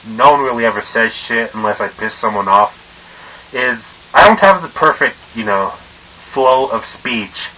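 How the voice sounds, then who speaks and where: A man's voice: mid-range voice, sharp tone. A young man in a casual, profane vlog rant, his voice muffled by a mask he wears, rambling with lots of fillers and tongue-tied stumbles. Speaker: vlogger.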